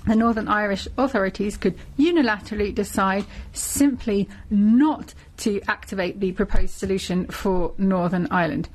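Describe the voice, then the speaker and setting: A woman in a live interpreter voice, carrying a speech into English as it unfolds. She delivers it in measured phrases at a middling pitch. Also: low-quality recording. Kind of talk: simultaneous interpretation of a parliamentary speech.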